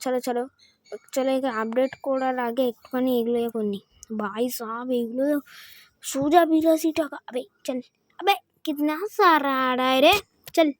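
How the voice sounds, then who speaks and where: A woman doing excited gameplay commentary, dropping Hindi phrases in as she counts and clicks. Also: high voice, normal speed, no echo, clean studio sound. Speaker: gaming channel host.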